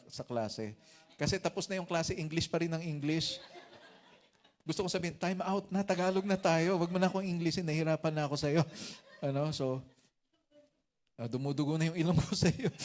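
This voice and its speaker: A man with a Filipino accent preaching a sermon as pastor, mixing teaching with humorous stories and joking asides. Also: mid-range voice.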